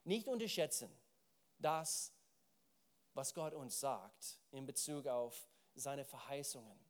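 A man's voice: mid-range voice, lively intonation, takes it slowly. A man preaching a sermon. He speaks emphatically, often repeats words while searching for his phrasing, and puts questions directly to his listeners.

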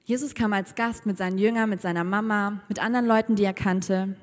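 A woman's voice: mid-range voice, fairly even intonation, a little fast. A woman preacher giving a sermon in a conversational, humorous way, often throwing rhetorical questions at the congregation. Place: church. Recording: long church hall reverb.

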